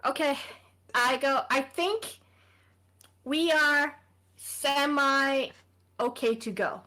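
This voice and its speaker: Woman player, high voice, slow, polite, hesitant, faint music behind. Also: sharp tone. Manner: hesitant, polite, many fillers. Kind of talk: tabletop game play. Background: faint background music.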